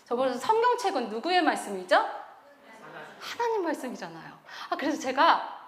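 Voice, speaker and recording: A woman's voice: high voice, moderate pace, echoey room. A woman missionary telling her testimony at a church meeting, acting out scenes and laughing as she talks. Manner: animated storytelling, acting out her past self with laughter. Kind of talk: testimony sermon with acted quotes.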